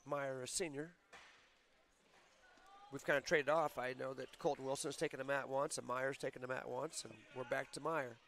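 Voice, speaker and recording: A man's voice: mid-range voice, fairly even intonation, moderate pace, gravelly, fairly bright tone. Male wrestling commentator, chatty explainer, some light background noise. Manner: chatty, explains rules and team math. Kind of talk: local sports commentary. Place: school gym.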